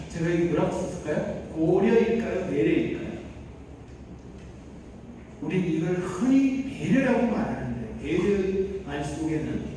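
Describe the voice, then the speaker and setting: A man giving a lively lecture to trainee instructors, questioning the audience and shifting his loudness for emphasis. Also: on the high side, a little hiss or hum. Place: large lecture hall. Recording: echoey lecture hall, mic at a distance.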